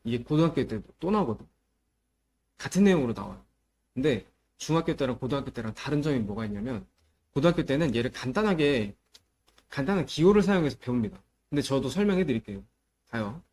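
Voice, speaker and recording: A man's voice: mid-range voice, sing-song, quick pace, darkish tone. A man teaching a middle school math lesson, explaining step by step and often checking that students follow, moving between polite and casual speech. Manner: explains step by step and checks understanding with repeated questions.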